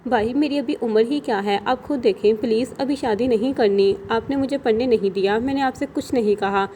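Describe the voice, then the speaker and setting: A woman's voice: a little high, mellow, a little hiss or hum, natural voice. Woman reading a pleading teenage girl. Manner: pleading, tearful.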